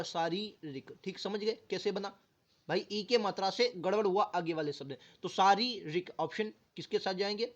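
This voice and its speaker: A man's voice: high voice, highs cut off. A male teacher giving an exam-prep grammar lesson, sounding words out syllable by syllable and asking the students questions again and again. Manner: drills words aloud, repeats them syllable by syllable.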